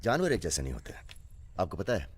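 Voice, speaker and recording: A cocky young gunman, all swagger and jokes. His voice sits deep and a little husky, with a bouncy, lively melody to his lines. This is film dubbing for an action movie. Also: brisk, full character voice. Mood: teasing. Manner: teasing, swaggering banter. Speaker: lead in a dubbed action film.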